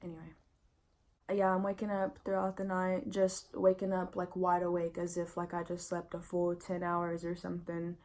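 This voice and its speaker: A woman's voice: on the low side, completely flat delivery, normal speed, hardly any pauses, a little mellow. A young pregnant woman giving a casual vlog update, candid and chatty, full of "like" fillers, sounding tired. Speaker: vlogger.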